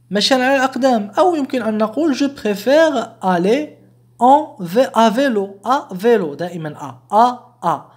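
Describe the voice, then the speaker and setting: A man teaching a beginner language lesson, saying each example slowly and clearly and then explaining it quickly, with patient restatements. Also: high-pitched. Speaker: French teacher.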